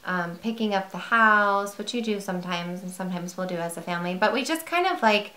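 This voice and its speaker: Woman vlogger, bright voice, chatty and rambling, roomy echo. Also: medium pitch, lively intonation, fairly quick. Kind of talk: casual chat to camera.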